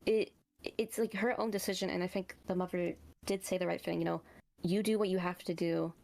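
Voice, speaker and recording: Chat co-host, young woman, gravelly low voice, loose rambling delivery full of fillers. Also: fairly even intonation, fairly quick, a little mellow. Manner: rambling, lots of "you know" and "like". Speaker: moderator co-host. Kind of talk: casual voice chat.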